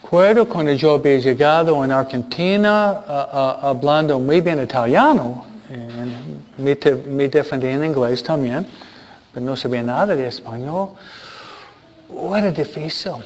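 A man who is a priest and teacher, giving an informal talk to a congregation in a halting way, restarting words and often ending points with questioning tags. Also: mid-range voice, darkish tone, slight background noise. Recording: dull lo-fi recording.

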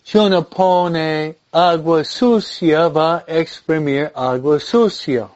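Slow-speaking male priest with English-accented Spanish. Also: a little high, fairly even intonation, darkish tone, muffled recording. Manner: deliberate, halting delivery with repeated phrases. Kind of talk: informal religious talk and blessing.

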